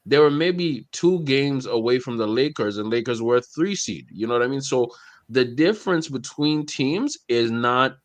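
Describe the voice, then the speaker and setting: A man's voice: mid-range voice, animated, moderate pace, no room sound. Chatty laughing man, dry sound. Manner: laughs often, says "you know what I mean" a lot. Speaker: podcast co-host. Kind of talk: casual sports chat.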